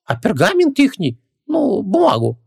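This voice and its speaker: A man voicing a small, excitable male djinn servant who chatters in a squeaky, eager, fussy way. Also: a little slow, vocal fry, slightly rough, exaggerated voice.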